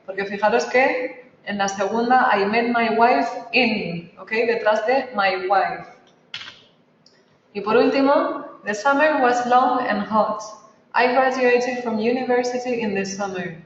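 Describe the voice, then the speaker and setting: A man's voice: high voice, fairly bright tone, a little hiss or hum. A man teaching an English grammar lesson, explaining step by step and checking in with a frequent "ok?". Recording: echoey, dull, distant lo-fi room recording.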